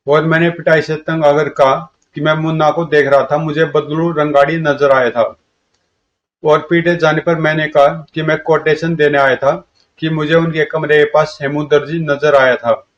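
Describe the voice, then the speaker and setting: A man with a somewhat high voice reads a comic story aloud, jumping between the characters' lines in a lively way. The recording sounds dull and lo-fi. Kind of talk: reading a comic aloud, voicing all characters.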